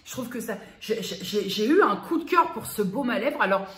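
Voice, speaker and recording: A woman's voice: medium pitch, lively intonation, moderate pace, a bit bright. A woman vlogger chatting casually and familiarly to her viewer, a little self-mocking. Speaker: beauty vlogger. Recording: roomy echo, faint background noise.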